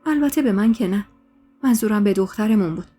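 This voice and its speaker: A woman's voice: mid-range voice, expressive, mellow, slightly rough. A woman narrating a dramatic first-person story in an emotional way, growing heated in the dialogue. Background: faint music.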